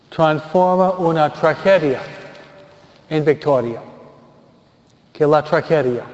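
A man delivers a funeral homily as a priest, retelling a Gospel story slowly and deliberately. His voice sits fairly high and moves at an unhurried pace. The sound is dull and lo-fi, with a long reverb trailing off the walls of a church. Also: darkish tone. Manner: slow, deliberate storytelling with pauses.

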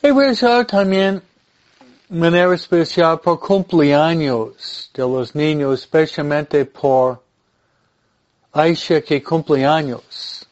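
Slow-speaking male priest with English-accented Spanish. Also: on the high side, fairly even intonation, a little mellow, dull audio. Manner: deliberate, halting delivery with repeated phrases. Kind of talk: informal religious talk and blessing.

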